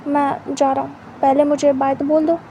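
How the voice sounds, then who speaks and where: Woman doing a soft teasing confident man. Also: level tone, moderate pace, a little hiss or hum. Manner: soft, low-key teasing. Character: confident teasing young man, possessive lover.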